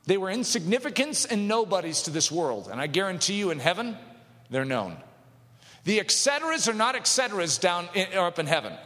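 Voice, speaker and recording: A high, bright-voiced man preaches with fervor, his lively delivery leaping up into ringing exhortations and sinking into quiet, low asides. His voice rings out with a long reverb, as in a big hall. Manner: swings from loud, high exhortation to low, hushed drops; asks the listeners direct questions. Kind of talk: impassioned sermon.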